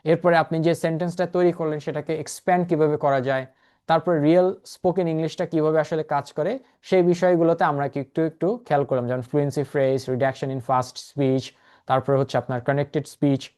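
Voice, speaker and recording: A man's voice: fairly high pitch, steady tone, quick pace, darkish tone, clear, resonant tone. A man teaching an online class over a video call, patiently repeating and spelling things out for his students. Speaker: spoken English instructor.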